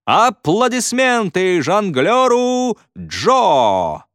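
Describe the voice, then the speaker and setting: A man doing a booming talent-show host. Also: wildly swooping pitch, fairly bright tone, no echo, studio quality, heavily acted. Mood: showy. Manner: drawn-out, announcing delivery.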